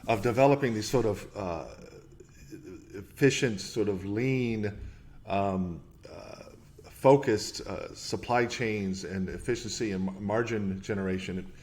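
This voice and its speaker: A man's voice: fairly low pitch, measured pace, darkish tone. A man being interviewed about investing, who talks in bursts with many restarts and thinks aloud. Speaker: investment manager guest. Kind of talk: podcast interview.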